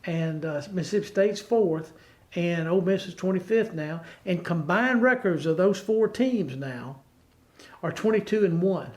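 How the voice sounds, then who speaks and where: A man hosting a casual sports talk show in a halting, stammering way, often repeating his words. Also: high voice, animated.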